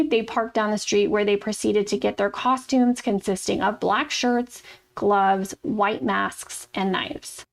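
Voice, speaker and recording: Woman co-host, gravelly edge, blunt casual true crime storyteller. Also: medium pitch. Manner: blunt, casual, swears freely. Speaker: podcast co-host. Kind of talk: true crime podcast narration and chat.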